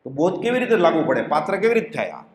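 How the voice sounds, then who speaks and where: A man's voice: fairly high pitch, fast talker. Fervent male spiritual teacher, echoey room. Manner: expressive, rhetorical questions, quotes scripture in chant-like tone. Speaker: spiritual discourse speaker. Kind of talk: devotional discourse.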